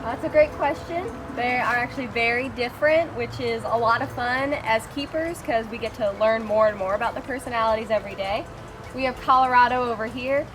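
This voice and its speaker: A cheery, enthusiastic zookeeper explains things casually to visitors outdoors at an animal habitat. Her voice is on the high side and a little fast, heard over music, with clear outdoor ambient noise around her.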